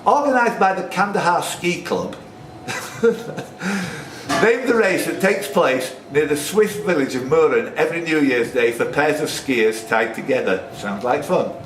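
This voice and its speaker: Reading questions to players and dropping in jokes, this quiz host and question setter has a fairly high, expressive voice and a measured pace. He was recorded in a noisy room with lots of echo.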